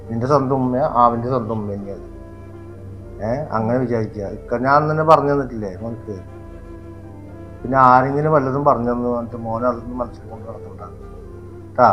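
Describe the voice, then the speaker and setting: A man playing a gentle father soothing his young son in an amateur family short film. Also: medium pitch, steady tone, a little fast, pauses often, muffled recording, faint music behind, close to an everyday voice. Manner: soothing, reassuring.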